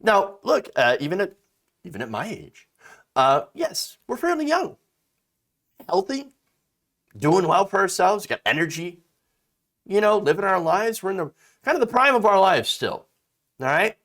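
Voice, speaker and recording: Animated man in his thirties commenting. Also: sits high, measured pace, long pauses. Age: 30s. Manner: emphatic, animated, with frequent fillers and restarts. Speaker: political commentator. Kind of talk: commentary reading and reacting to a story.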